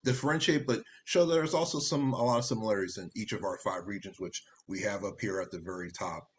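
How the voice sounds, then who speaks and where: A man's voice: lowish voice, fast, slight background noise. A man hosting an interview, chatty and rambling, with many fillers and restarts. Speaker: interview host. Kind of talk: casual interview over video call.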